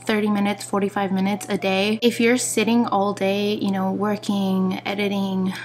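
A woman's voice: medium pitch, little pitch movement, normal speed, slight background noise. A young woman vlogger talking casually to camera in a candid, conversational, self-deprecating way, indoors in a home kitchen. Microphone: camera at about arm's length.

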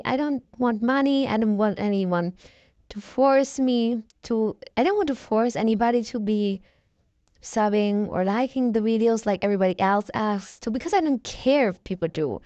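A content creator chats casually in a rambling vlog, their young-sounding voice run through a voice changer filter. The voice is mid-range and a little mellow, recorded with no room sound and the highs cut off.

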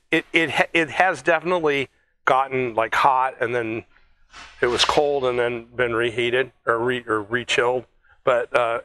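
Man, museum host, chatty and joking, rambling, medium pitch, dry sound. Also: sharp tone, no echo, low-quality recording. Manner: chatty, jokey, rambling with restarts. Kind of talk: casual one-take video talk. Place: air museum.

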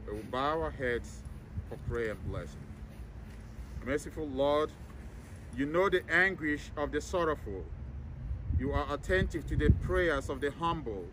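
Higher-pitched priest, solemn graveside prayer, noisy outdoors. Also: male voice, lively intonation. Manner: measured, formal liturgical recitation. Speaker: priest leading a graveside service. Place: outdoors in an open cemetery. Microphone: camera several meters away, speaker masked. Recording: outdoor recording with clear background noise.

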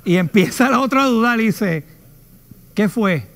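A man with a Puerto Rican accent hosts a comedy show from a TV studio, spinning a story with lively, acted-out bits. His voice sits high for a man. A faint hiss runs under the studio sound. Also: normal speed. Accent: Puerto Rican Spanish. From Puerto Rico. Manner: animated storyteller, acts out voices with shrieks. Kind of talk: comic storytelling monologue. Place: television studio.

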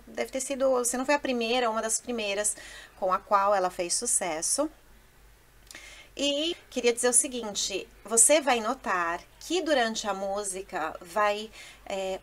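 A Brazilian woman with a Brazilian Portuguese accent, an Italian teacher giving a language lesson who explains step by step and repeats words slowly and clearly. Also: on the high side, a bit bright.

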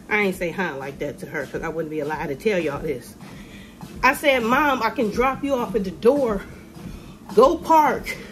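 A middle-aged woman rants in a sassy, animated vlog, her voice pitched a little high and her words drawn out slowly. She talks into a phone camera held low in a room, with a faint hiss of noise behind her. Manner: animated, ranting, sassy, with sudden high exclamations. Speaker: vlogger. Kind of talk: casual commentary to camera. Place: room with ceiling lights, indoors. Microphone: phone camera held below face.

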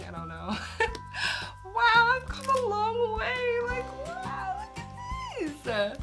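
A young woman vlogger with a slightly high-pitched voice gushes excitedly over her old art in casual chat. Her talk is full of exclamations, and clear music plays behind her. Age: young adult. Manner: gushing, excitable, lots of exclamations. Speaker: art channel host.

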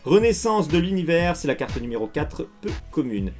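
A man chatting excitedly to his viewers while opening trading card packs on camera. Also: on the high side, normal speed, faint music behind. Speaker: card unboxing youtuber. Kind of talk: casual unboxing commentary.

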